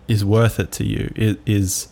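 A man hosting a reflective solo podcast, musing aloud in a halting way with many fillers. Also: on the low side, flat delivery, gravelly, mellow. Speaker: podcast host.

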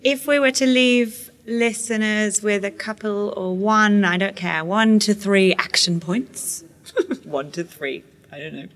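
A woman's voice: mid-range voice, unhurried. A woman hosting a podcast, chatty and playful as she asks questions and reads the outro. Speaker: podcast host.

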